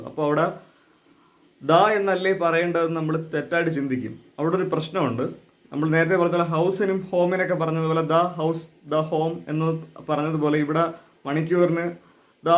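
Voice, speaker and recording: A man with a voice a little higher than most men gives an English lesson. He works through each rule step by step and asks questions as he goes. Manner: explains step by step with repeated questions. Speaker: English teacher. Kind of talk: explaining lesson.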